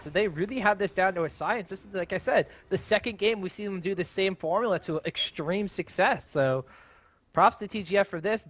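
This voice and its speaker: A man casting a competitive online game, giving steady, analytical play-by-play commentary. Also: high voice, no echo. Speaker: esports caster.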